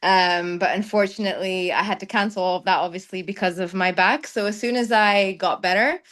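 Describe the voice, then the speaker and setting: A young woman raised in the Netherlands, now a travel content creator, answers interview questions thoughtfully in a conversational exchange, with lots of ums and light laughs. Her mid-range voice is steady in tone, brisk and slightly bright.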